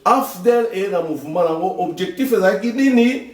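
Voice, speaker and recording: A Congolese man from the DRC delivers political talk-show commentary, explaining his views like a pundit, drawing on proverbs and calling the listener "maman." His voice is high for a man, expressive and at normal speed. He sounds distant from the microphone in a roomy, echoing space.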